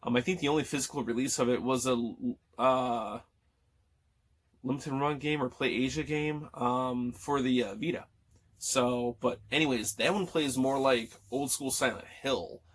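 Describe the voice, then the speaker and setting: A man in his thirties talks in a loose, rambling way, full of ums, restarts and casual swearing. His voice is still cracking after an illness. He sits at a middle pitch for a man. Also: moderate pace, fairly bright tone. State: voice cracking after being sick. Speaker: gaming vlogger. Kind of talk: casual chat.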